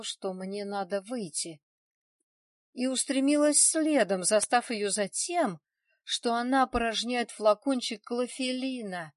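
A woman narrating an audiobook in the first person, steady and measured. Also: fairly high pitch, no room sound, studio quality, distant mic.

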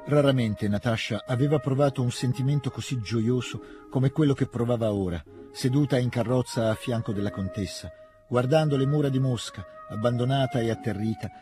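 A man narrating a classic novel in a measured, expressive storytelling manner, recorded on a close studio mic. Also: medium pitch, music in the background. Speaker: reader of a novel. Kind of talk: literary audiobook narration.

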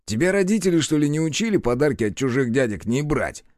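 A man's voice: medium pitch, sing-song, fast, a little mellow, no echo, clean studio sound, lightly acted. A man playing a crude, bossy guardian who talks in a sarcastic, coarse way. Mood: gruff. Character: crude sardonic male guardian, bossy and mocking.

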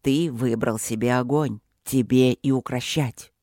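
A reader voicing a calm, wise male dragon lord who speaks slowly and soothingly, in an audiobook. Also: mid-range voice, no echo, clean studio sound, pitched below the performer's own voice, lightly acted. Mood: serene. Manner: slow, even, soothing.

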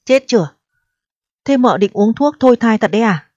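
A woman's voice: a little high, animated, normal speed, mellow, no echo. Woman voicing an older married man, placating, lecturing, muffled dry audio. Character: older married man, forty years her senior, persuasive.

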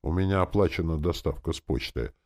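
A hollow-voiced undead lich, played by a man reading a story, speaks slowly with gloomy spite. His voice sounds sepulchral and drawn out. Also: very deep voice, lively intonation, darkish tone.

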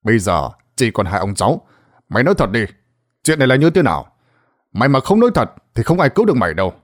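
A man voicing a stern, gruff older village sorcerer in a spoken ghost story. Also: medium pitch, sing-song, fast talker. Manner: gruff, scolding, commanding.

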